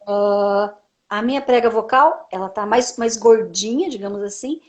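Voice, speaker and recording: Woman, speech therapist, slightly high voice, didactic live-stream explainer who asks and then answers her own questions. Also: moderate pace. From Brazil. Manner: frequent tag "né".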